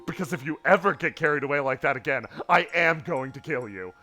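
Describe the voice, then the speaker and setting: A man's voice: a little high, brisk, pushed and bright, faint music behind. A man voicing a haughty, domineering female companion who mocks the hero in a video game. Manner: domineering, mocking.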